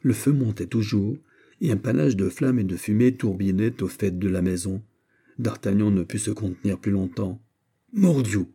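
Male narrator, very dark mellow timbre, measured audiobook reading. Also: fairly low pitch, steady tone, slightly rough. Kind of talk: scripted narration.

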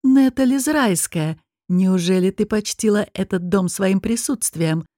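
A woman voicing a sneering, smug male high demon nobleman in an audiobook, with a mocking, taunting drawl. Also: measured pace, mellow, dry recording, studio quality, lightly acted. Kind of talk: audiobook character reading.

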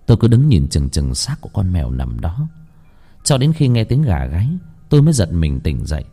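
A man narrating a ghost story in the first person, emotional and dramatic, swinging from hushed lines to pleading cries. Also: deep voice, very animated, fairly quick, vocal fry. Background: faint music.

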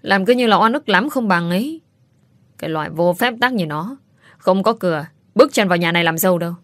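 Woman reading a nosy, sharp-tongued aunt who nags and scoffs, pitched a little low, dry. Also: brisk, no room sound, natural voice. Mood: scornful. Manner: scornful, nagging.

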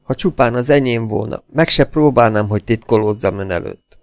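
A man voices a trembling old butler in a storybook, speaking a little higher than his own low voice, with a gravelly rasp. He dodges questions nervously, dry and close to the mic. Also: no echo, lightly acted. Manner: trembling, evasive, stubborn.

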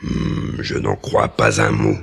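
A man voicing a huge, gruff male giant in a storybook cassette, slow and growling. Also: rumbling low, completely flat delivery, pitched below the performer's own voice, full character voice. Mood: doubtful. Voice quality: gravelly. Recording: long hall reverb.

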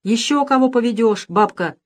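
A woman reading the lines of a gloomy, hopeless old village grandfather who mutters gruffly, in a storybook reading. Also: high-pitched, animated, moderate pace, pitched above the performer's own voice.

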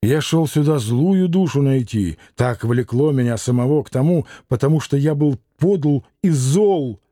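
A man reading an audiobook and voicing a gentle, grieving young man who speaks firmly and earnestly. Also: medium pitch, expressive, a little slow, no room sound, clean studio sound. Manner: firm, earnest.

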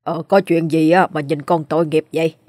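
A woman voicing a kind, gray-haired man in his fifties who speaks calmly with hesitant fillers. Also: low-pitched, fairly quick, dry recording, studio quality. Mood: calm kindly.

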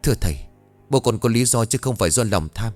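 A man's voice: medium pitch, expressive, fast talker, darkish tone, big-room sound, faint music behind, lightly acted. A man doing a polite pleading boy ghost. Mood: earnest. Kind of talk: audio ghost story reading.

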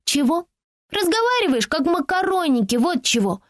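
A woman's voice: very high-pitched, big pitch swings, normal speed, no echo, studio quality, voice pushed up. A woman reading an audiobook voices a five-year-old neighbour girl who taunts in blunt, slangy speech. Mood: mocking. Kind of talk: audiobook character voicing.

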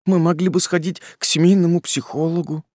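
A man's voice: high-pitched, expressive, moderate pace, breathy edge, dry recording, clean studio sound, pitched above the performer's own voice. A man voicing a young woman who pleads with her fiancé, her voice trembling and breaking as she sobs. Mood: pleading, tearful. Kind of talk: audiobook dialogue.

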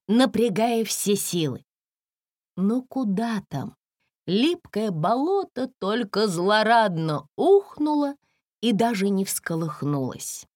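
A woman narrating a fairy-tale audiobook in an expressive, measured storytelling manner. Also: medium pitch, no echo, clean studio sound.

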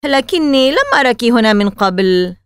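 A woman voicing a shy twelve-year-old boy next door who talks quickly, apologetic and a little wary, in a storybook. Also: fairly high pitch, sing-song, no echo, studio quality.

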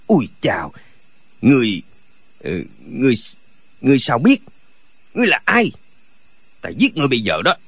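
A man's voice: mid-range voice, wildly swooping pitch, moderate pace, creaky, long pauses, fairly bright tone, slightly rough, no echo, exaggerated voice. A man voicing a boastful, hot-tempered rogue who threatens and blusters in an audiobook. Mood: blustering.

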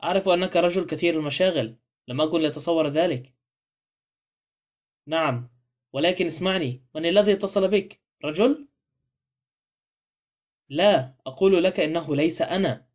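A man voicing a flustered, eager young husband in a read-aloud novel, with quick, questioning delivery. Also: fairly high pitch, lightly acted. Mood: agitated. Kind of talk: audiobook character reading.

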